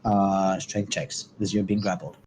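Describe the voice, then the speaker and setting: A man's voice: deep voice, flat delivery, a little slow, a little mellow. A man running a tabletop game as game master, improvising narration and chatting casually. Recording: faint background noise.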